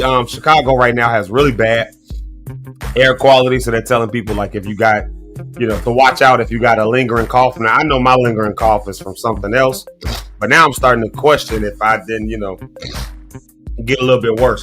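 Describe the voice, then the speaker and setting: A morning show host in his thirties, with a medium-pitched and fairly bright voice, talks directly to his livestream viewers. He keeps it casual, folksy, and somewhat preachy while trying to suppress a cough. Quiet music plays in the background.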